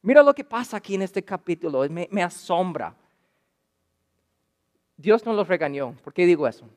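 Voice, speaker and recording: Guy preaching, high-ish voice, asks the crowd stuff a lot, long echo from the hall. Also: sing-song, normal speed, darkish tone. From English-speaking country, learned Spanish as a missionary. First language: English. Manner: conversational, asks the audience questions, sprinkles English words. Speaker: pastor. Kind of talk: sermon.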